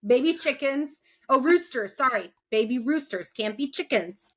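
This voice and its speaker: Young woman podcast host, laughs a lot, kinda high voice. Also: lively intonation, moderate pace. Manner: giggly, chatty, laughs often. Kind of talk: casual podcast chat.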